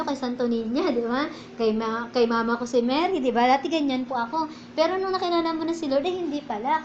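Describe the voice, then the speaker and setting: A woman's voice: high-pitched, darkish tone, dull audio, slight background noise. A woman with a Filipino accent preaching a sermon in a church, in a conversational way and often checking in with her listeners. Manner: conversational preaching, keeps asking di ba.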